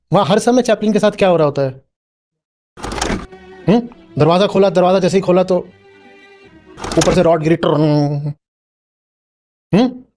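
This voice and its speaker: This man, a spiritual teacher, has a high voice with a darkish tone. He gives a spoken discourse to a live audience while answering one of its members, often questioning and nudging the listener with "hmm?".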